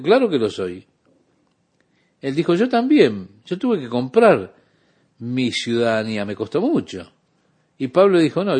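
A man's voice: medium pitch, darkish tone. A man preaching a sermon, retelling a scripture story with voiced dialogue and casual asides.

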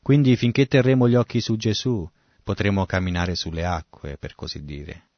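A man's voice: sits low, fairly even intonation, normal speed, no echo, lo-fi sound. A man preaching a sermon, reading scripture and explaining it, now and then acting out the quoted lines. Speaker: pastor. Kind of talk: sermon, Bible exposition.

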